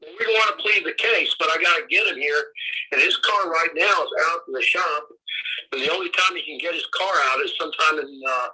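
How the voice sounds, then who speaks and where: A man's voice: fairly high pitch, pushed and bright, slightly rough, low-quality recording. A man acting as a defense attorney in a virtual court hearing, speaking informally, his voice played through a phone speaker and picked up again by a second mic. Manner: plain, informal, loose phrasing.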